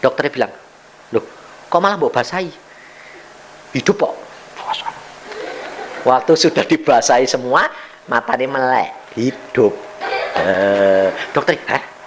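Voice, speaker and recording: A man's voice: lively intonation, a little slow, long pauses, a little hiss or hum. An older man preaching a sermon, telling a story and acting out its dialogue. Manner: storytelling with wide pitch swings and acted-out dialogue. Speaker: evangelist preacher.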